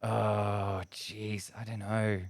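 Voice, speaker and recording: A young Australian man co-hosting a casual sports podcast, relaxed, swearing casually and filling pauses with ums. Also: fairly low pitch, dry recording. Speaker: podcast co-host.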